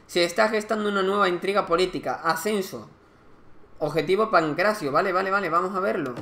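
A man's voice: high voice, sharp tone. A man commenting casually on a strategy game, thinking aloud as he counts units and resources. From Spain. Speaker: gaming commentator. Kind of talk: casual let's-play commentary.

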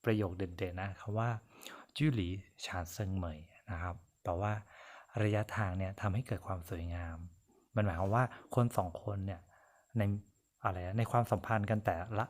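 A man's voice: low voice, steady tone, normal speed. A man giving a casual language lesson, patiently repeating each word and explaining it with polite endings. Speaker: Chinese language teacher.

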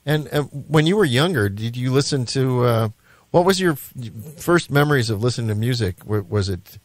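A man's voice: medium pitch, lively intonation, moderate pace, no room sound. A man from the United States hosting a radio interview, asking rambling, chatty questions. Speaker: radio host.

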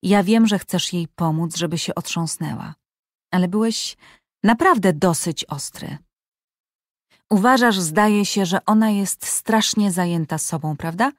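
Brief: a woman playing a calm, wise older woman, soothing and gentle, in a dry audiobook. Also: fairly low pitch, a little slow, dry recording, close to an everyday voice.

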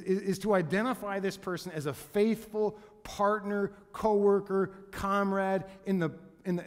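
A man pastor preaching a sermon in earnest, with frequent restarts and repeated words. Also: high-pitched. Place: church sanctuary. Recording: long reverb of a church hall.

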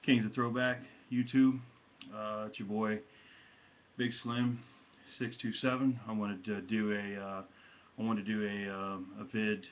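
A man casually showing off his hat and jersey pickups from his room at home, talking haltingly with lots of ums and uhs and slangy shout-outs, and he has the hiccups. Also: lowish voice, flat delivery, muffled recording, a little hiss or hum. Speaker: hat and jersey collector vlogger. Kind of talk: casual show-and-tell vlog.

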